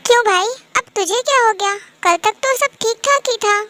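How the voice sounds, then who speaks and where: A woman's voice: very high-pitched, normal speed, background noise. A woman voicing an easygoing young best friend who talks casually and reassures in a fan-dub audio drama. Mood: reassuring.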